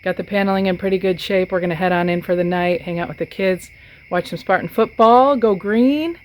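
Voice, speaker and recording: A woman's voice: mid-range voice, a little fast, a little mellow, a little hiss or hum, low-quality recording. A woman hosting a casual project vlog, chatty and joking as she narrates the work. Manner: chatty, joking, laughs easily. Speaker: vlog host.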